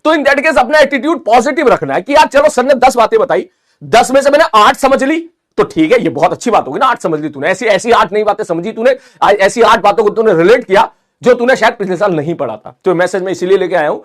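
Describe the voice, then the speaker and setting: A high-voiced man with an Indian accent teaches physics in a live online class. He talks quickly and energetically, chatty and encouraging as he reads out messages from students. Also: animated.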